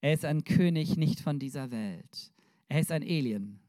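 A man's voice: a little high, expressive, normal speed, dark tone, no room sound, clean studio sound. A man preaching a sermon in a conversational way, often putting questions to the congregation and searching for words mid-sentence. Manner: addresses the congregation with rhetorical questions.

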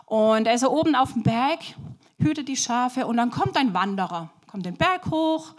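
A fairly high-voiced woman preacher tells a story to a group of children. She keeps it lively and stops now and then to ask her listeners questions. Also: normal speed. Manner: lively, asks the audience questions.

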